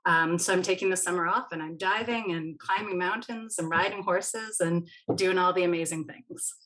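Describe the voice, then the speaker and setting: Chatty woman on a webinar call, lowish voice. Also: moderate pace, fairly bright tone, rough recording. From Barbados. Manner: chatty, laughs easily, restarts often. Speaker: management consultant. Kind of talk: casual panel chat. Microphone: video call.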